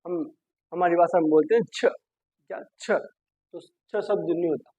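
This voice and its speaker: Husky male teacher, call-and-response drilling. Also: fairly high pitch, normal speed, dark tone, no room sound. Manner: keeps asking "what?" and repeating the answer himself. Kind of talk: Hindi grammar lesson. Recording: dull dry lo-fi sound.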